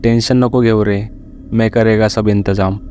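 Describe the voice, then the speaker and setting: A man's voice: on the low side, fairly even intonation, moderate pace, dark tone, soft background music, lightly acted. A man voicing a cheeky young male roommate in a storybook reading, teasing and coaxing his friends.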